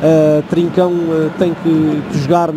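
A man with a European Portuguese accent giving analytical football co-commentary, explaining in halting phrases. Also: fairly high pitch, little pitch movement. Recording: clear outdoor stadium noise behind.

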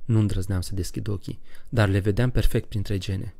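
Gravelly man reading a horror audiobook. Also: fairly low pitch, fairly even intonation, mellow. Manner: slow, measured dramatic reading. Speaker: audiobook narrator. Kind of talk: audiobook narration.

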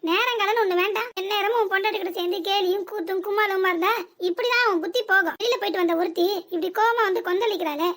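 Shrill scolding village mother-in-law. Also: a bit bright. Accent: southern Tamil, Tirunelveli area. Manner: scolding, sarcastic, rapid-fire insults. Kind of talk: village cartoon comedy dubbing.

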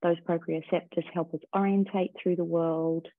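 A woman teacher slowly guiding a breathing and body-awareness meditation in a calm, soothing way. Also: lowish voice, no room sound. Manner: slow, calm, soothing guidance. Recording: tinny phone-like sound.

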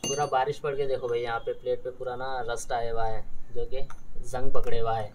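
A man's voice: mid-range voice, little pitch movement, brisk, noisy background. A man chatting casually on his vlog, rambling and repeating himself as he calls his viewers brother, filmed outdoors on a rooftop with a phone. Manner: rambling, repetitive, addresses viewers as bhai. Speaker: vlogger. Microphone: phone camera.

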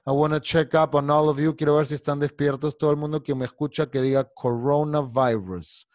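A man teaching an online English class, repeating English phrases slowly and switching to quick Spanish explanations. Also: a little high, steady tone, darkish tone, no echo, clean studio sound. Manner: switches between slow drilled English and quick Spanish asides.

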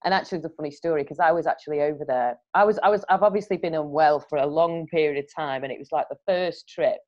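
Low-voiced chatty woman host. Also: fast talker, darkish tone. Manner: chatty, storytelling, laughs often. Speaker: podcast host. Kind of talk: casual interview chat. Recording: slightly dull lo-fi sound.

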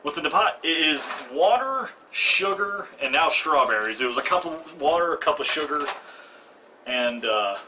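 This young man's voice is on the high side and expressive, at a normal speed, as he hosts a live cooking stream at home. The casual demo is full of chatter, self-mockery, and jokey asides, recorded on a distant mic in a noisy kitchen.

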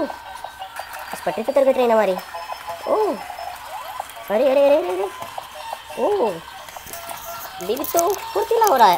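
A woman narrating a children's toy play video in an excited, exclamatory way. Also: a little high.

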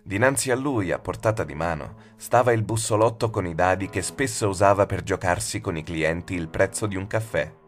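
Guy reading a spooky audiobook, lowish voice, slow suspense, faint music behind. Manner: measured, suspenseful storytelling. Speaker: audiobook narrator. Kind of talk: scripted dramatic narration.

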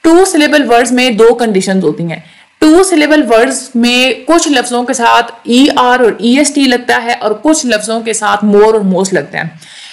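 Woman teaching, slightly high voice. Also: expressive. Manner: explains slowly, repeats words, checks in with "ठीक है". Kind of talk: recorded lecture on English grammar.

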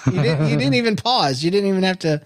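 A man's voice: sits high, animated, quick pace, slight background noise. A man hosting a casual comedic chat show, joking and often laughing. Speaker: podcast host.

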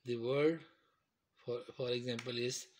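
Man slowly explaining medical terms. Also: mid-range voice, steady tone, a little hiss or hum. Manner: slow, repetitive, explains step by step. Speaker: teacher. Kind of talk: medical terminology lecture.

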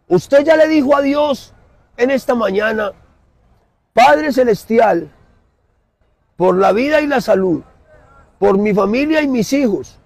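Husky high-voiced Colombian street preacher. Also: male voice, no room sound. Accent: Colombian Spanish. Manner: preachy, emphatic, swings from loud to soft. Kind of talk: impassioned street sermon. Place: outdoor city plaza under trees.

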